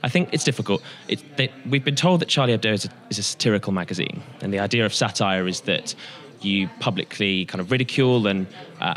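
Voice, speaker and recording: A young man, a student, giving measured, articulate answers with a few fillers. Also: lowish voice, a bit bright. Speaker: student interviewee. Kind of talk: casual vox-pop answers.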